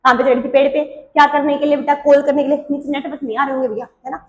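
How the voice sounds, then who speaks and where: A woman teacher with a Hindi accent runs an exam-prep biology lesson, quizzing her students in quick rounds and answering herself. Her voice sits high. The recording has a noticeable room echo. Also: level tone, a little mellow, lo-fi sound, slight background noise. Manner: quizzes students with quick questions and answers herself, calls them beta and bhaiya; uses playful memory tricks and little stories.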